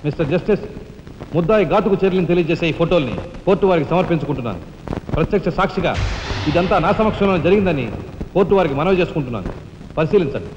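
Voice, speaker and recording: A man's voice: on the high side, animated, rapid-fire, noisy background, natural voice. An actor playing a male lawyer who formally presents evidence to the judge. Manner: formal courtroom address. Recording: dull reverberant courtroom with music.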